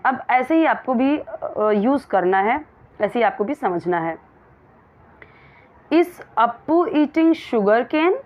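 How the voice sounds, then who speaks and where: A woman with a fairly high voice teaches an English lesson, stopping to read each sentence slowly and clearly before breaking it down. The recording sounds dull and lo-fi. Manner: reads English sentences slowly and deliberately, then explains in Hindi. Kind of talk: Hindi-language English lesson, reading and explaining sentences.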